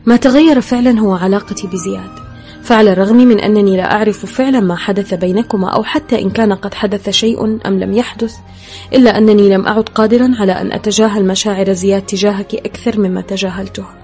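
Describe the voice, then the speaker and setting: A woman's voice: medium pitch, fairly even intonation, fast talker, dark tone, faint music behind. A woman reading a novel aloud in an intimate first-person style. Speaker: audiobook narrator. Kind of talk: scripted narration.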